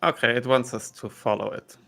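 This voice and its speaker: A man's voice: mid-range voice, brisk, vocal fry, sharp tone, soft background music. A young man playing a tabletop game, talking in an easygoing, hesitant way. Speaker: player. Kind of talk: casual tabletop game chat.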